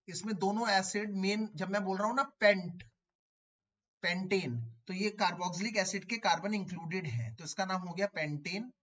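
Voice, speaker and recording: Bright-voiced male chemistry teacher. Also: high-pitched, lo-fi sound. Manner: explains step by step, mixes English terms, repeats key words; addresses students as beta, asks them questions. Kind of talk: online class lecture.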